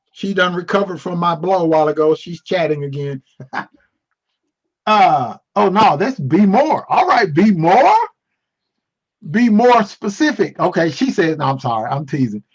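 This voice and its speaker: A man's voice: high-pitched, breathy edge, lo-fi sound. A man teaching a casual online Bible class over a video call, playful and teasing as he answers the chat.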